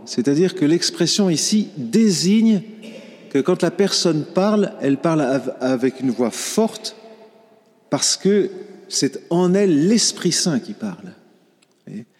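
A man preaching a sermon as a priest, slow and reflective, often restarting his phrases. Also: fairly high pitch, sing-song, darkish tone, big-room sound.

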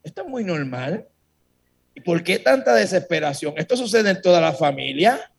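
A man giving a religious testimony to a congregation, telling his story in a lively way and speaking straight to his listeners. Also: high-pitched, normal speed, vocal fry, slightly rough.

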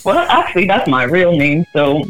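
A woman from Guyana with a Guyanese accent, a soft-spoken guest on a casual podcast interview who laughs easily. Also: lowish voice, very animated, normal speed, over music. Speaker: guest on phone.

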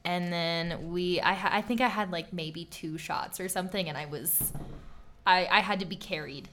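A woman's voice: fairly low pitch, moderate pace, a bit bright, a little hiss or hum. A young woman in casual podcast chat with her partner, easygoing and agreeable, often giggling. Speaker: podcast co-host.

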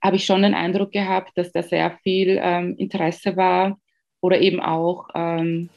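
A woman from Ghana, a guest answering interview questions in a measured, thoughtful way with frequent pauses to find words. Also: on the low side, level tone, vocal fry, muffled recording. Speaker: guest, education researcher.

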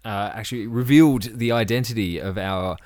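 A man's voice: on the low side, a little fast, darkish tone, dry recording, studio quality. A man co-hosting a casual podcast, easygoing and fond of puns. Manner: easygoing, punning, chuckling. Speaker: podcast co-host. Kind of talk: casual chat.

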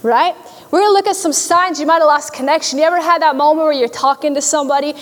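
A woman pastor preaching a sermon to her church, animated, often repeating her words and acting out the voices she quotes. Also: sits high, fast talker. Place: large church hall. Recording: long hall reverb.

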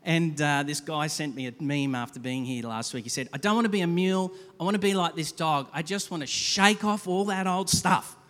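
A man pastor giving a conversational, animated sermon with quick asides to a congregation. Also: mid-range voice. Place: church hall. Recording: long hall reverb.

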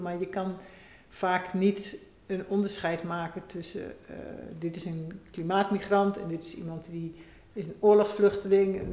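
Guest essayist, mid-pitched voice, measured and explanatory, recorded in an echoey room. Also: a little mellow. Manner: thoughtful, explanatory, with frequent restarts. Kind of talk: conversational interview. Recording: roomy echo.

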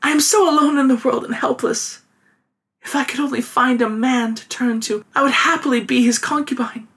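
A man's voice: very high voice, steady tone, normal speed, a bit bright, pitched above the performer's own voice. A man voicing a sorrowful young widow who speaks in a plaintive, formal old-fashioned way.

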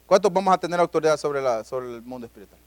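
Brief: middle-aged pastor, high voice, dry close sound, emphatic preaching that swings loud and low. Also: male voice, expressive, quick pace, dry recording. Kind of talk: sermon.

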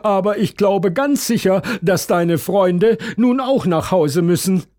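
A man's voice: sits high, animated, takes it slowly, a little mellow, voice pushed up. A man voicing a patient, good-humoured merman father who is used to the same bedtime fuss every evening.

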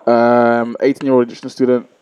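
A man's voice: mid-range voice, completely flat delivery, fairly quick, darkish tone, highs cut off. A man co-hosting a casual chat, chipping in with short, repeated responses. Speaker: podcast co-host. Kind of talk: casual banter.

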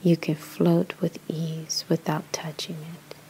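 A woman leading a guided meditation in a soft, whispery spa-like voice, soothing and measured, with pauses between short phrases. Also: low-pitched, level tone, slight background noise, rough recording.

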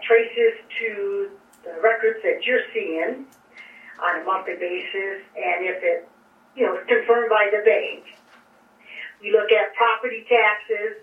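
A woman's voice: mid-range voice, far from the mic. A woman auditor heard over a speakerphone, giving an informal, chatty presentation to a council, full of fillers and restarts. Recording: tinny speakerphone in an echoey room.

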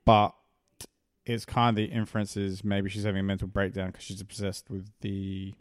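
Dry, skeptical podcast co-host. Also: male voice, on the low side, completely flat delivery, moderate pace, no room sound. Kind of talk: casual chat.

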